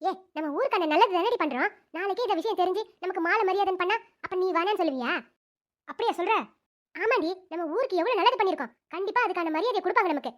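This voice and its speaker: Sneaky village gossips, high squeaky voices, quick hushed chatter. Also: female voice, expressive. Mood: smug. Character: two gossiping village women, scheming and smug. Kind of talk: cartoon dubbing.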